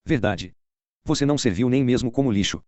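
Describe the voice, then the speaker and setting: Senjougahara, a man reading a deadpan cruel schoolgirl. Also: medium pitch, a little fast, no echo, lightly acted. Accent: Brazilian Portuguese. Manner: flat, deadpan delivery. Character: cool, cutting teenage schoolgirl, flat and cruel. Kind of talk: audiobook reading of a novel.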